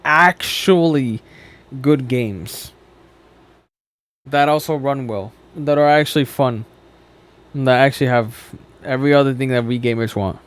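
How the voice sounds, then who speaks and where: A man with an average-pitched voice rants off the cuff as he reacts to a video. He is exasperated and sweary, argues back bluntly, and keeps tripping over his words and restarting. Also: smooth. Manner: exasperated, sweary, argumentative ranting; halting, stumbling over words, self-correcting. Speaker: reaction commentator, gamer. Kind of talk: off-the-cuff ranting commentary on a video.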